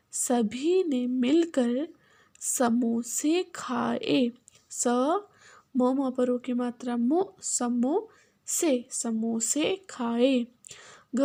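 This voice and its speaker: Woman, teacher, children's phonics lesson, syllable-by-syllable, high mellow voice. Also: creaky. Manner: sounds out syllables slowly and repeats them; switches between Hindi and simple English.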